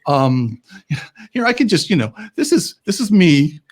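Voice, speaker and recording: A man's voice: a little high, very animated, measured pace, a little mellow. A man talking as a guest on a casual live podcast, joking about himself in a wry, self-deprecating way.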